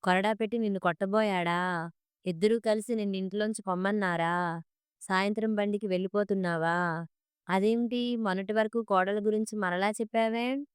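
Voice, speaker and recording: A woman voicing a sharp-tongued middle-aged mother-in-law who complains and scolds in a storybook monologue. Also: mid-range voice, smooth, no echo, clean studio sound, close to an everyday voice. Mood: prying.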